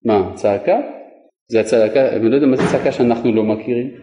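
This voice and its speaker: A rabbi with a mellow, medium-pitched male voice teaches a Torah lesson, posing questions to his students and then answering them himself. The room is echoey, with a long reverb tail.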